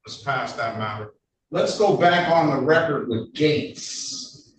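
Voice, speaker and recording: A man presiding as a judge over court proceedings, brisk and procedural with chatty asides, heard in a courtroom recording. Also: a little high, very animated. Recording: echoey courtroom, distant mic, faint noise.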